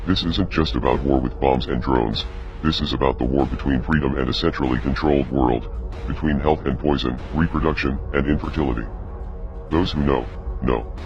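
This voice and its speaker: A man reading a grave, accusatory scripted statement as an anonymous spokesperson, his voice disguised by a voice changer that drops it very deep. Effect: voice changer lowering the pitch, disguised deep voice. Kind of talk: scripted statement read aloud. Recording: muffled lo-fi audio with music behind.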